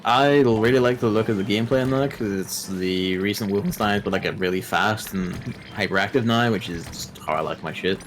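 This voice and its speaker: A man's voice: lowish voice, fairly quick, slight background noise. A man co-hosting a casual gaming chat, rambling and sarcastic, swearing often as he plays. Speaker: co-host. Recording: game music playing behind.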